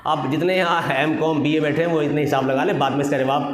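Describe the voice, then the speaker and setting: A man's voice: a little high, steady tone. A man preaching to a seated gathering, stretching out key words and asking the audience rhetorical questions. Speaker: Shia cleric giving a religious lesson. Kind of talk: sermon-style religious talk. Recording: echoey hall with faint ambience.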